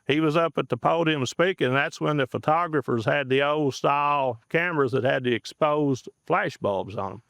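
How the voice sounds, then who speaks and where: A man interviewed for a news segment, telling an anecdote in a folksy way with pauses. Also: fairly high pitch, creaky, fairly bright tone, no echo, studio quality.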